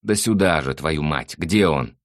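A man's voice: extremely low pitch, lively intonation, measured pace, dry recording, clean studio sound. A man reading an audiobook, voicing a coarse, bossy male thug who swears and barks orders. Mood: barking orders.

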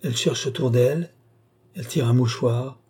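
A man playing a young woman in a trance, seeing far-off things and reporting them in short, halting phrases. The reading voice is mellow and a bit husky. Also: medium pitch, lightly acted. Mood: entranced. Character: entranced young woman seer, wide-eyed and fearful. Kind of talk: audiobook reading.

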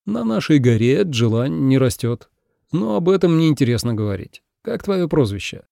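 A man's voice: on the high side, sing-song, moderate pace, creaky, dark tone, no echo, clean studio sound. A man voicing a proud, touchy young male crow who speaks with self-important airs. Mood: haughty, touchy. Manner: pompous, easily offended.

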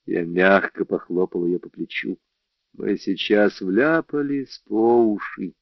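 A man reading a first-person crime novel as an audiobook narrator, in a measured, tense and often hushed way. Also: on the low side, expressive, creaky, dry recording, dull audio.

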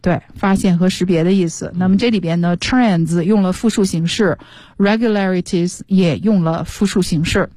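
A woman's voice: on the low side, normal speed, mellow, no room sound, clean studio sound. A woman teaching English on the radio, explaining step by step in a patient way. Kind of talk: bilingual radio language lesson.

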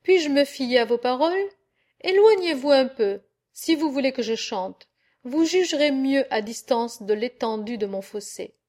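A proud, watchful rooster from an old fable, measured and a little haughty, as a woman reads him. His lines come slowly and sit a touch high. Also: expressive, darkish tone. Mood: wary. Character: proud wary male rooster. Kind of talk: audiobook tale reading.

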